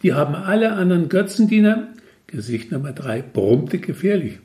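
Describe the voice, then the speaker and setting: A man's voice: high voice, big pitch swings, moderate pace, warm tone. Wry man narrating a story. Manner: wry, conversational. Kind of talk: first-person story narration. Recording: roomy echo.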